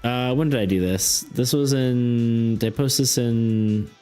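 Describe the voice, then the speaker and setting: This young man's voice sits at medium pitch, warm and clean, and moves a little slowly. He's chatting casually on stream about art and game design, rambling with many fillers and laughs and noting that his voice is giving out. Faint music plays in the background.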